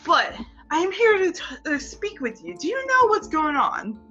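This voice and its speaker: A woman's voice: very high voice, big pitch swings, normal speed, pushed and bright, highs cut off, soft background music, voice pushed up, heavily acted. A woman voicing a tall, menacing man in a red suit who speaks with polite condescension. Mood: smug. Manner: polite, condescending, old-fashioned.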